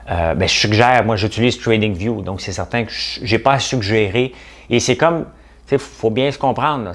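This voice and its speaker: A middle-aged man with a broad Québécois accent hosts a casual live stream, answering viewers' questions in a blunt, animated way. His voice sits a little low, and he brushes topics off with quick, dismissive asides. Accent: Québécois French. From Quebec. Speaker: host of a daily news and markets show.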